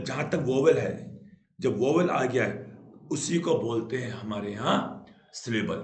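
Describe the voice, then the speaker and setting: The room echoes around a man's mid-range voice as he gives a Hindi-language lesson on English grammar. He takes a patient approach, repeating the important points and regularly asking "right?"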